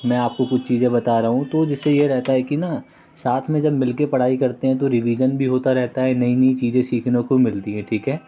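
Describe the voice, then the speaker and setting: A man's voice: mid-range voice, dark tone, a little hiss or hum. A man giving a casual vocabulary lesson, mixing Hindi with English words and repeating each word several times. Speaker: vocabulary tutor.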